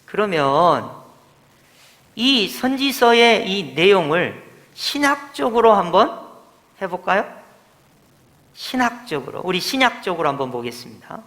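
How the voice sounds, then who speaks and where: Guy pastor teaching a sermon, emphatic q-and-a style, bright high voice, echoey church hall. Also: big pitch swings, measured pace, pauses often. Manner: emphatic, drills the congregation, asks and answers himself. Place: church sanctuary.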